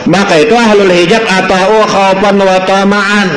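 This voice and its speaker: A man's voice: high-pitched, level tone, a little slow. Banjar-accented man teaching a Sufi lesson, raised voice, preachy questions, old worn tape, roomy and hissy. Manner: rhetorical questions, mixing Arabic quotes with local dialect. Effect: old worn tape recording. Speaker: religious teacher. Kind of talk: Sufi study lesson to a gathering.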